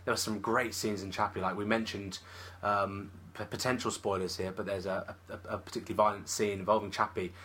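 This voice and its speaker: A man's voice: fairly low pitch, little pitch movement, fairly quick, few pauses, fairly bright tone, slight background noise. A man co-hosting a film podcast, talking eagerly and thinking aloud in casual chat. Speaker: podcast co-host, film reviewer.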